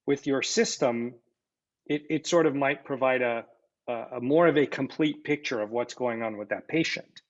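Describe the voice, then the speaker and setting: A man's voice: mid-range voice, moderate pace. A man hosting a podcast interview, asking questions hesitantly with many fillers and false starts. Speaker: podcast host. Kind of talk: conversational interview. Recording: dull lo-fi audio.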